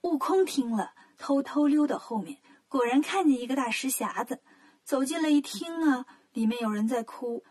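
Breathy, fairly high-voiced woman storyteller. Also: expressive, normal speed, a little mellow. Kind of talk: children's storytelling.

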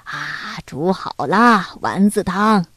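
A woman voicing a lonely, generous old grandfather who speaks gently and cheerfully in a children's story. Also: on the low side, lively intonation, slow pace, breathy edge, dry recording, heavily acted. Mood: gentle.

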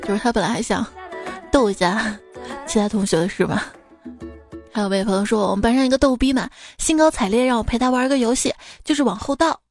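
A young woman with a somewhat high voice hosts a radio comedy show. She reads listeners' funny stories aloud in a lively, giggly way and adds playful remarks. Soft music plays quietly behind her. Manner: lively, giggly storytelling with frequent laughter. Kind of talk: reading listener jokes with playful commentary.

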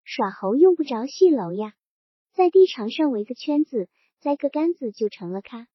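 Brief: blunt, evasive older village patriarch, dry and unbudging, read by a woman with a high, breathy voice. Lo-fi storybook audio. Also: animated, normal speed, no room sound. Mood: guarded, dry. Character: stubborn older male clan head, guarded and dry. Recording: dull lo-fi recording.

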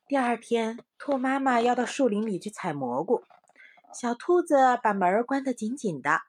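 A woman in her thirties telling a children's bedtime story in a gentle, expressive, singsong way. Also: on the high side, normal speed, husky.

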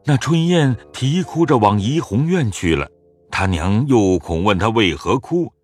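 A narrator telling a classic novel in measured scripted narration, with a husky voice. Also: mid-range voice, soft background music. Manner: measured storytelling with lively rise and fall.

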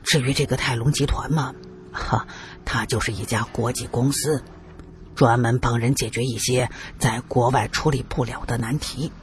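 A man's voice: mid-range voice, fairly even intonation, moderate pace, a little hiss or hum, pitched below the performer's own voice, close to an everyday voice. A male storyteller voicing a cautious middle-aged lawyer who talks carefully and hesitates with fillers.

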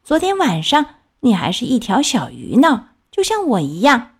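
A woman's voice: on the high side, wildly swooping pitch, moderate pace, breathy edge, exaggerated voice. A woman voicing a curious young minnow fish who asks eager questions. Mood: scornful.

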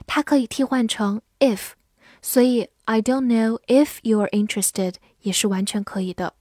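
In clean studio sound with no echo, a woman whose voice is a little mellow and on the high side teaches English vocabulary from a script. She spells out words letter by letter and slowly reads sentences that use them.

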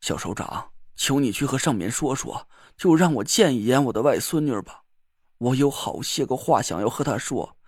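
A man's voice: animated, moderate pace, a little mellow, dry recording. A man doing a cracked-voiced old grandfather, begging. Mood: pleading. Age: older. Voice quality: dry, cracked voice. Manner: begging, breathy and low. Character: frail old grandfather, pleading and tearful.

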